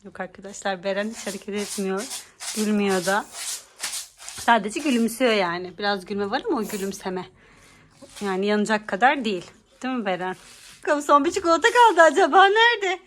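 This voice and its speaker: A woman's voice: mid-range voice, lively intonation, a little fast, a bit bright, a little hiss or hum. A woman vlogger running a playful game for her younger siblings, teasing them and laughing often as she calls out the rounds. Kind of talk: casual family vlog.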